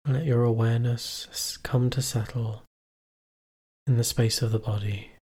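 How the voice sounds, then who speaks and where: Guiding a meditation very slowly, a man with a slightly husky voice keeps his pitch even and in the mid range. Short, calm instructions are separated by long pauses. His measured manner is like a teacher leading practice.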